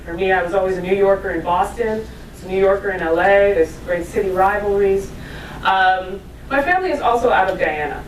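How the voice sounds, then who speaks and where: In a lecture room before a live audience, a woman in her thirties from New York, USA, delivers a conversational, self-deprecating talk with asides and laughs. Her medium-pitched voice is far from the mic, the room echoes, and there is slight background noise.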